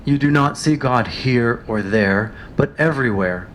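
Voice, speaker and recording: A man reads passages aloud, then stops to retell them in his own words with plenty of pauses and fillers. His throat sounds a little dry. A faint rumble hums behind him. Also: fairly bright tone. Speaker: reader of a biography.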